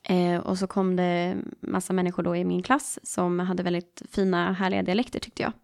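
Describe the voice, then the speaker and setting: Gravelly-voiced woman with a Stockholm accent. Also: on the low side, level tone, darkish tone. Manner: chatty, storytelling with fillers. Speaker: podcast co-host. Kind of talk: casual podcast chat.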